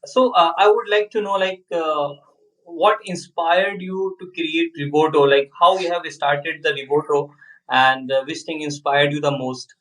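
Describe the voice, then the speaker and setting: A man hosting a podcast interview who speaks haltingly and fills his sentences with "like" and "uh.". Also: on the high side, fairly even intonation, fairly bright tone, recorded from a distance, low-quality recording. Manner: halting, heavy use of "like" and "uh".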